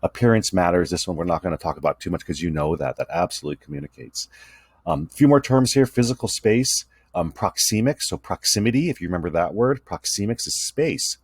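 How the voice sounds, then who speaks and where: A communication instructor teaches a recorded lecture over slides, talking conversationally with fillers and frequent "right?" check-ins. His voice is low-pitched, expressive, fairly quick and slightly rough, with no echo.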